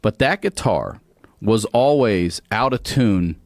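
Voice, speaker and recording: A man telling a story in a casual podcast chat, animated and swearing, acting out the people he quotes. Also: on the low side, slow pace, dry recording, studio quality. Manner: animated, swears a lot, acts out quotes, laughs often.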